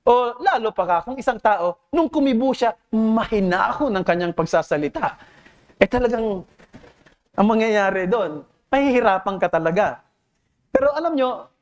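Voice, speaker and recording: A man's voice: high voice, lively intonation, normal speed. A man with a Filipino accent preaching a sermon as pastor. He mixes Tagalog and English and keeps asking the congregation rhetorical questions in an earnest, teacherly way. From Philippines.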